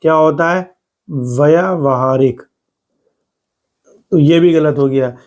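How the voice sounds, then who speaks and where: A man teaching exam spelling over slides, who repeats words slowly for stress and explains step by step. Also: on the high side, steady tone, darkish tone. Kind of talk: spoken lesson over slides.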